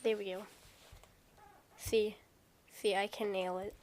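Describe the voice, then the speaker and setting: A woman's voice: mid-range voice, little pitch movement, fairly quick, a little mellow. A woman playing a video game, reading a visual novel aloud and making chatty, joking asides to viewers.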